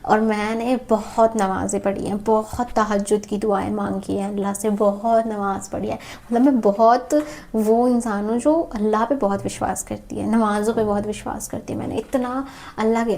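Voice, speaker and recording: A woman's voice: mid-range voice, gravelly, warm tone. A young woman in her twenties telling a personal story in a candid, emotional vlog, rambling with many restarts. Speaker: vlogger.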